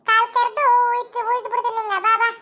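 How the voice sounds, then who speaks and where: A young woman playing a shrill, bossy village mother. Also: completely flat delivery, fast, pushed and bright. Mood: teasing. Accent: North Karnataka Kannada. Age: young adult. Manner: scolding, teasing, sing-song coaxing. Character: bossy chatty village mother fussing over babies. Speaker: comedy skit performer. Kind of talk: village comedy skit.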